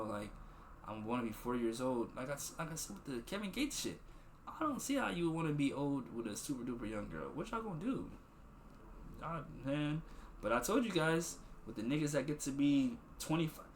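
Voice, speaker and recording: A man in his twenties hosting a podcast, talking casually in a rambling way, with many restarts, street slang and animated bursts. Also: medium pitch, slight background noise. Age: 20s. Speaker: podcast host. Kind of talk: casual solo podcast commentary.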